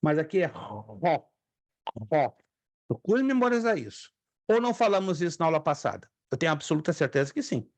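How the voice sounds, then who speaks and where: A man's voice: a little high, very animated, quick pace, no echo. A man teaching a theology class as a pastor, patiently drilling Greek pronunciation and repeating key points. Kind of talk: online Greek lesson.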